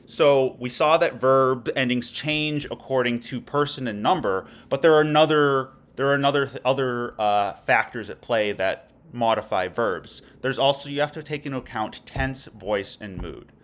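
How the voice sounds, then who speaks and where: A man's voice: mid-range voice, moderate pace, hardly any pauses, a bit bright. A man teaching a recorded lecture, explaining patiently and checking in often with "okay?". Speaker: Latin teacher.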